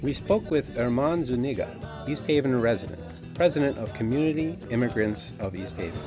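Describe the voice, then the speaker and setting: A man narrating a documentary in a measured, formal tone. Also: mid-range voice, lively intonation. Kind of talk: scripted narration. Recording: music bed under narration.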